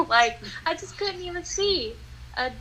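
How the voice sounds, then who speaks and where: A woman appearing as a podcast guest, telling a story with lively energy and laughing often as she goes. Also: very high voice, slow pace, slight background noise, poor audio. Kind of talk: animated storytelling.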